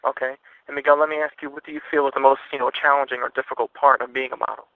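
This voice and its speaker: Over a muffled, narrow telephone line, a man conducts a casual interview in laid-back, informal wording, dropping frequent short acknowledgements. His mid-range voice is level in tone and racing, and the recording is dry.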